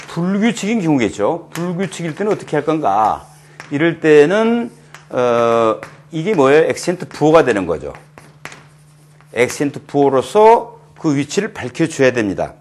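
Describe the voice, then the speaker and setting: A middle-aged man teaching a recorded grammar lecture, explaining slowly and clearly and repeating example words with heavy stress. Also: a little high.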